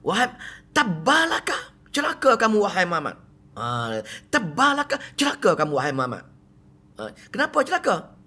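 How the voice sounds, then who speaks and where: Animated Malaysian preacher, lively pitch. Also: male voice. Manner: animated, rhetorical questions, acts out quoted speech loudly. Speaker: religious teacher giving Quran commentary. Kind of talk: mosque lecture.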